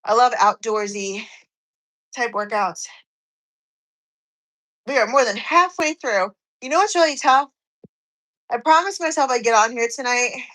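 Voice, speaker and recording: A woman's voice: a little high, expressive, a little slow, pauses often, fairly bright tone, poor audio. A woman in her forties, slightly out of breath from cardio, chatting on a live stream and reading viewers' comments aloud. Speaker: fitness streamer.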